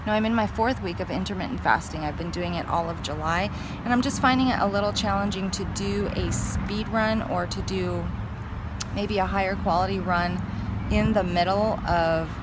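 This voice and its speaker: A woman's voice: medium pitch, normal speed. A woman chatting casually to viewers as a fitness vlogger, thinking aloud in a hesitant, musing way. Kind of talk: casual vlog chat to camera. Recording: clear vehicle and outdoor noise.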